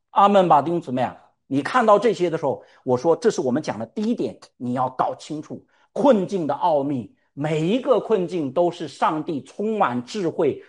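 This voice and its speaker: A male pastor preaching a sermon. He fires rhetorical questions at the congregation and calls for amens. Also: fairly high pitch. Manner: calls for "amen" responses.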